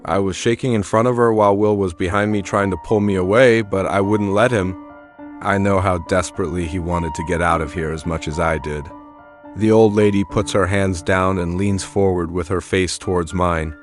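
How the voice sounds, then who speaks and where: A man narrating a first-person horror story in a steady, plain recounting manner. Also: low voice, moderate pace, soft background music.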